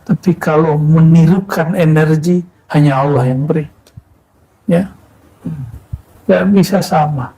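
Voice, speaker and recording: A man preaching a Sufi sermon in a plain, unhurried teaching manner, asking rhetorical questions and answering them himself. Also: fairly high pitch, steady tone, dark tone, slightly rough, poor audio. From Indonesia.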